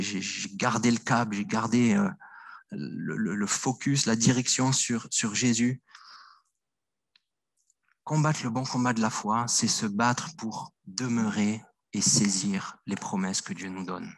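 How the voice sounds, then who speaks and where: A man's voice: mid-range voice, dry recording. Earnest French-accented male pastor preaching. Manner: earnest, repeats phrases, stumbles and restarts. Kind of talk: sermon.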